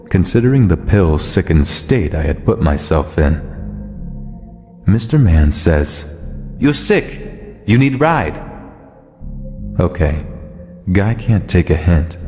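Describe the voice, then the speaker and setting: A man reading a first-person horror story as scripted narration, in a steady, low-key way. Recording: long reverb over music. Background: soft music.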